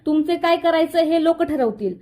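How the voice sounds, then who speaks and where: A woman's voice: very high voice, lively intonation, moderate pace, warm tone. A woman voicing a stern, protective middle-aged mother who speaks firmly and bluntly.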